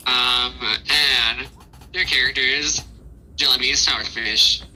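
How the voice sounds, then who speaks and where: A man's voice: medium pitch, steady tone, slow, pushed and bright, poor audio. A man narrating a tabletop game as game master in a casual, informal, conversational way. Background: music.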